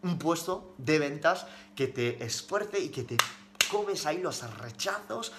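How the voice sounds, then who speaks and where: On a livestream, a fitness coach fields questions casually, blunt and emphatic, using slang and repeating words for stress. His voice is a little high with lively intonation and a slow pace, and the recording is very noisy.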